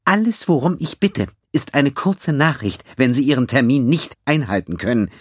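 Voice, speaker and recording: A man's voice: medium pitch, expressive, moderate pace, slightly rough, no room sound, studio quality, voice pushed up. A man reading an audiobook, voicing a stern, cold female starship doctor with a clipped manner. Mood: curt.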